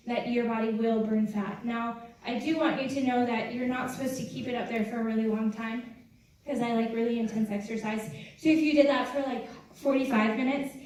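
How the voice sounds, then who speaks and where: Peppy woman running a health seminar workout, highish voice, super echoey room, music and crowd going. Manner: energetic, cheering and counting down. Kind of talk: live seminar talk and workout cheering. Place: large room with audience. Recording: echoey hall, far-off mic, music and crowd.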